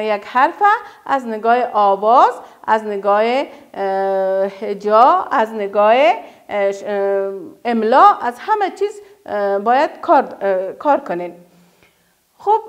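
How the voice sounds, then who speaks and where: A woman with an Afghan Dari accent teaching a first-grade reading lesson, stretching out words slowly for children to repeat and praising often. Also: fairly high pitch. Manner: drawn-out, emphatic modelling of words for children to repeat; praises often, asks quick questions and answers them herself. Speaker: primary school teacher.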